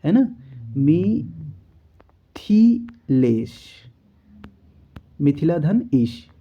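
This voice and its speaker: A man's voice: a little high, expressive, unhurried. A man teaching an exam-prep spelling lesson, explaining step by step and often checking in with the learner. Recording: dull lo-fi recording.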